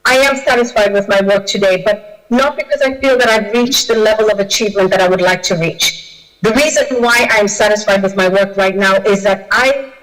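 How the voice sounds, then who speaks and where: The audio is poor as this Kenyan guest speaker, her voice a little high, responds to audience questions over a video call. Her answers are hesitant, full of fillers and restarts.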